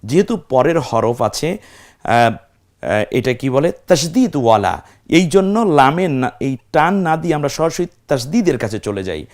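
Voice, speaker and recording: A man's voice: a little high, sing-song, moderate pace. A man teaching a step-by-step recitation lesson, spelling out letters, stretching vowels to demonstrate, and answering his own questions to the class. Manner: asks the class questions and answers them himself.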